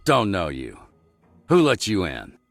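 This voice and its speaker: An actor playing a brusque, unfriendly male technician in a video game, giving curt, gruff commands. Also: deep voice, huge pitch swings, unhurried, no room sound, soft background music, exaggerated voice. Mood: cold, dismissive.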